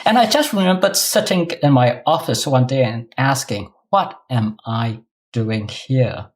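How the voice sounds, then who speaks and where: This is a New Testament professor on as an academic guest, a middle-aged man with a Singaporean accent. He responds to interview questions in a conversational way, his medium-pitched voice moving a little slowly.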